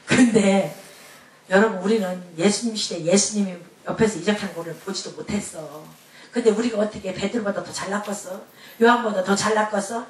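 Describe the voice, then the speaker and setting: A woman pastor preaching a Sunday sermon, animated, dropping to a soft hush at times. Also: mid-range voice, fairly quick. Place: church sanctuary. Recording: echoey church hall, mic far off.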